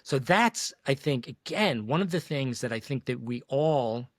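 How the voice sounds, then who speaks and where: A man's voice: medium pitch, animated, measured pace, dry recording. Emphatic male discussion host, dry sound. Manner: emphatic, searching, checks in with tag questions. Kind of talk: casual opinionated discussion.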